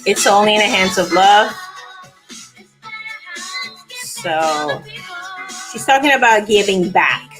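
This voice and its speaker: A co-host in her forties from Peru tells a personal story in a relaxed chat over a video call, her mid-range voice moving slowly with frequent pauses. She's animated and laughs a lot, full of fillers and restarts. Music plays underneath, and the recording quality is low.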